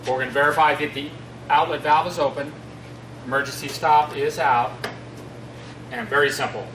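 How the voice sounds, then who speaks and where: A middle-aged man giving an informal instructional demonstration in a halting, matter-of-fact way. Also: fairly high pitch, fairly even intonation. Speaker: fire district equipment trainer. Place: concrete-floored equipment room, indoors. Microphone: distant camera across the room. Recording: echoey, noisy, distant camera sound.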